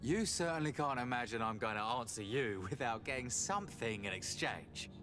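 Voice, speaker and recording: A sardonic smuggler behind bars in a video game, played by a man. His mid-pitched voice swings in a lively way as he bargains wryly, with music behind him. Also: normal speed, lightly acted. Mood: wry, bargaining.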